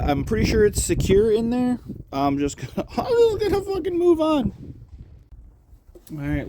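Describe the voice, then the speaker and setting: A man chatting through a home car-mod job with dry humor, now and then erupting into cursing rants. His voice sits at an ordinary middle pitch. Engine and shop noise run clearly under his talk. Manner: wry, rambling, bursts into profane rants. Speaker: DIY car-modding vlogger. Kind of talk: casual self-filmed how-to chat. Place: garage and inside a car.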